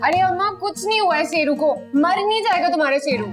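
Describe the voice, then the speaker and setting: बेबाक और चुलबुली जवान लड़की, जो सबको छेड़ती रहती है। उसकी आवाज़ बहुत ऊँची है। पीछे संगीत साफ़ सुनाई देता है।. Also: female voice, extremely high pitch, a little fast, music in the background. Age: young adult. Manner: teasing, cheeky. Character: brash outgoing young woman wanting a car-owning groom. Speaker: lead character. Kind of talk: TV drama acting.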